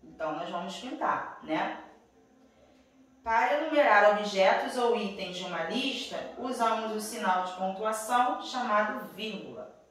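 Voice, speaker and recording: A woman's voice: on the high side, fairly bright tone, very echoey, distant mic, rough recording. A woman teacher with a Brazilian Portuguese accent reading a worksheet to young pupils, patiently checking in after each step. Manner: refers to herself as "tia [name]". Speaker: primary school teacher.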